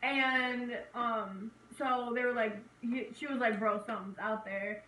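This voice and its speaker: Co-host woman in her 20s, slangy storyteller, bright sharp tone, a bit distant in a roomy echo. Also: fairly high pitch, fairly even intonation, measured pace. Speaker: co-host, movie reviewer. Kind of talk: casual chat, retelling a film.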